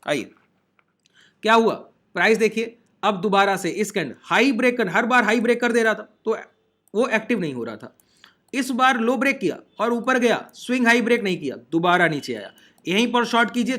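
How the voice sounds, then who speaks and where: A man runs a trading lesson through a screen share, speaking in a high voice that comes across bright and forceful. Each step gets explained, and he repeatedly checks in with listeners.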